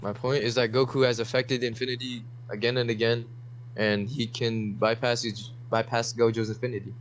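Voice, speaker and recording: A young man with a mid-range voice makes his case in a casual chat, insistent and halting, stumbling through restarts as he goes. A faint hum runs behind him. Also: medium pitch, little pitch movement, low-quality recording.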